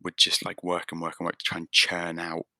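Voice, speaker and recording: A man's voice: low-pitched, monotone, a little fast, vocal fry, sharp tone, no room sound, clean studio sound. A man talking as a podcast guest about making his game, rambling and self-deprecating with lots of restarts. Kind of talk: casual conversation.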